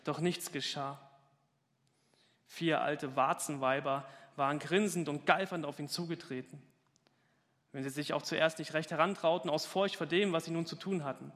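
A man's voice: fairly high pitch, normal speed, fairly bright tone, long reverb tail. A man reading a story aloud with dramatic emphasis during a talk.

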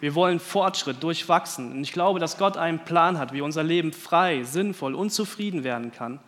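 A man preaching a sermon in a church, emphatic, stacking lists of words and letting phrase ends fall quiet. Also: fairly high pitch, moderate pace, big-room sound.

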